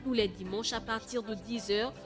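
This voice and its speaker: A woman's voice: fairly high pitch, fairly even intonation, moderate pace. A woman reading a scripted promotional announcement for a radio programme. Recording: loud music bed under voice. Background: loud music.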